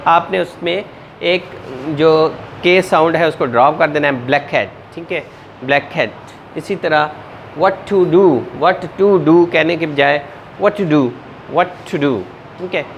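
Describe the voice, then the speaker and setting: A man gives a spoken English lesson in a fairly high voice. He moves very slowly, modeling each word with care. A faint hum sits under his voice. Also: a bit bright. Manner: slow, deliberate modeling of English words; mixes Urdu-Hindi with English. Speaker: English teacher.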